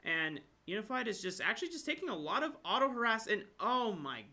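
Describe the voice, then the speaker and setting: Male esports caster, higher-pitched and bright, headset mic, excitable reactions. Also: fairly quick. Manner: excitable, rises sharply in pitch at surprises. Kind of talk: live esports commentary. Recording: brief connection dropouts.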